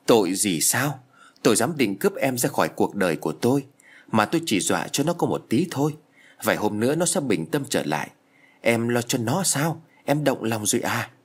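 Defiant young male ghost, possessive and mocking, voiced by a male narrator, husky tone. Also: medium pitch, very animated, normal speed.

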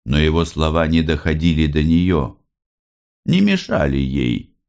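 A man narrating a novel aloud in a measured, unhurried reading. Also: rumbling low, sing-song, gravelly, a little mellow, clean tone. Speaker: audiobook reader. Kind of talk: scripted literary narration.

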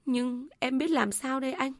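Female narrator as a gentle, tearful young wife, soft pleading tone, dry close sound. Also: on the high side, normal speed, no room sound, natural voice.

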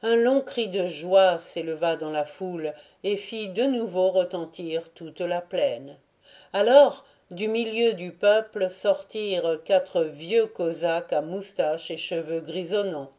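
A woman narrating a classic novel as an audiobook reader, in a measured, deliberate reading. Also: on the low side, dark tone.

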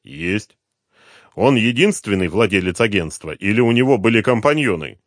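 A calm, unflappable man with a dry, ironic edge, voiced by an audiobook reader. His voice sits fairly low and moves with lively inflection. It is recorded close and dry. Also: moderate pace, no echo. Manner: calm, level, dryly ironic. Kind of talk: audiobook character voice.

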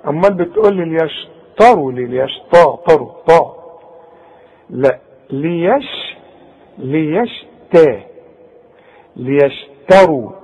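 A man's voice: high voice, a little mellow, rough recording. A man with an Egyptian Arabic accent teaching Quran recitation rules, speaking directly to the student and demonstrating each word. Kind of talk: tajweed lesson.

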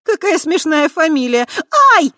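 A reader voicing a sharp-tongued, scornful red-haired young witch girl with a shrill, loud voice. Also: lively intonation, quick pace, no room sound, studio quality. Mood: mocking. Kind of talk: audiobook character voice.

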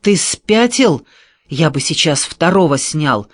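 Eager young recruit kid, whiny and unsure, a man putting him on, pitched up a bit. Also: animated, moderate pace, dry recording, studio quality, close to an everyday voice. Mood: indignant. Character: naive eager young male army recruit.

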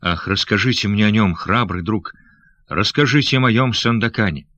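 A man's voice: lowish voice, moderate pace, sharp tone. A man voicing a young noble lady who is anxious and loving, speaking in breathless, pleading questions.

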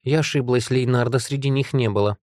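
A man narrates a storybook at a steady, even pace. His voice is mid-pitched and sits close and dry, with no room sound. The reading is plain and controlled. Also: a little fast, dry recording. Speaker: audiobook reader. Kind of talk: scripted narration.

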